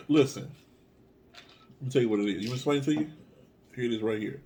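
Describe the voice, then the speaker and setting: A man's voice: medium pitch, fairly quick, warm tone, a little hiss or hum. A man co-hosting a podcast in casual chat, playful and joking. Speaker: podcast co-host.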